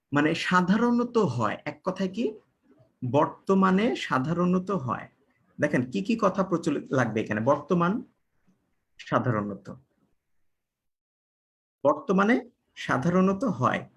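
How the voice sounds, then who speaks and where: A man from Bangladesh teaching an English grammar class online. He poses questions to the class and answers them himself, repeating and spelling out words slowly. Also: a little high.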